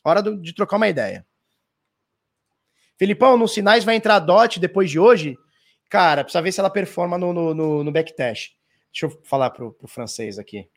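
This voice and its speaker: High, lively Brazilian man streaming live. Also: normal speed. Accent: Brazilian Portuguese. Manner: loose, slangy, swears, rambles with restarts. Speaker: crypto livestream host. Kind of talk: casual live chat reading viewer questions. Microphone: standing at a live stream mic.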